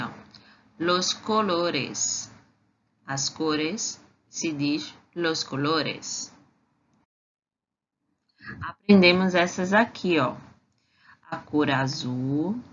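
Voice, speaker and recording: A woman teaching a recorded lesson for preschool children, patient and clear, saying each word twice. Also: sits low, fairly bright tone. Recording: dull lo-fi recording with clear background noise.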